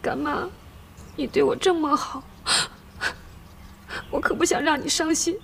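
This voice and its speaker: A woman's voice: high-pitched, normal speed, slight background noise. A young actress playing an anxious, tearful young woman who pleads in a TV drama. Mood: pleading. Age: young adult. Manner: pleading, distressed. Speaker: goddaughter. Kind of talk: TV drama acting.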